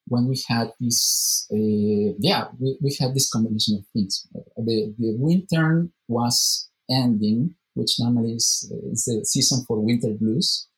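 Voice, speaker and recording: A man's voice: mid-range voice, fairly even intonation, unhurried, poor audio. Man musing as an interview guest. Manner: thoughtful, repeats words while searching for phrasing. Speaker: meetup organizer, interview guest. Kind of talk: casual interview conversation.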